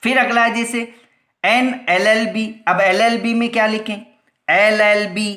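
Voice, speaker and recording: A woman teacher explains a grammar lesson at a medium pitch, slowly and patiently. She repeats each point and asks herself questions before answering them. Her voice rings in an echoey room. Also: steady tone, fairly bright tone.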